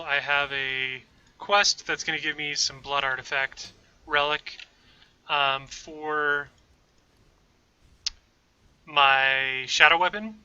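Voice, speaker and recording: A young man streams a game from his room, rambling casually to his viewers about what he's doing as he plays. Heard through a desk microphone, his voice is on the high side, bright and forceful, and the sound is lo-fi.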